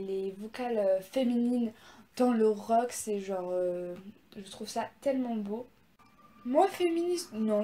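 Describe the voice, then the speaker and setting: A woman's voice: fairly high pitch, warm tone. A young woman chatting casually as she reacts to music in her vlog, rambling and poking fun at herself. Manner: chatty, rambling, self-mocking. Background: music playing.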